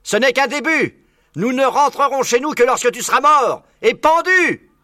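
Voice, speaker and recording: A man's voice: medium pitch, normal speed, fairly bright tone, no echo, clean studio sound, pitched above the performer's own voice, lightly acted. A man voicing a furious, vengeful male farmer who bellows threats. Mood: bellowing.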